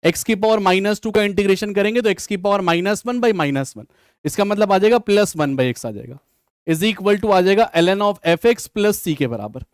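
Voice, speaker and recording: Male online maths tutor, high voice, Hindi-English mix, thinks aloud and answers student comments, dry close mic. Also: expressive, moderate pace, clean tone, dry recording. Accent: Hindi mixed with English maths terms. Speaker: maths teacher. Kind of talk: live online exam solution class.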